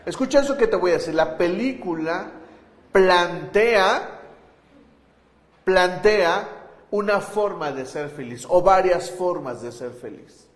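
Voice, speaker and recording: A man's voice: sits high, lively intonation, slow pace. A pastor preaching a conversational sermon, asking his listeners rhetorical questions. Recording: echoey hall with long reverb.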